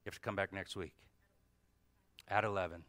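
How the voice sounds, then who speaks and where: A man's voice: low voice, fairly even intonation, brisk, fairly bright tone. A man preaching a sermon at a pulpit microphone. He stresses key words, repeats them, and puts rhetorical questions to the congregation. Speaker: pastor.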